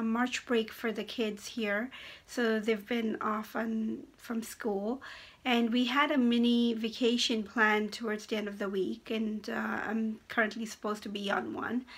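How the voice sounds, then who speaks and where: A woman hosting a casual, chatty podcast, speaking hesitantly with frequent pauses, her voice slightly hoarse and giving out. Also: on the high side, fairly bright tone. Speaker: knitting podcast host.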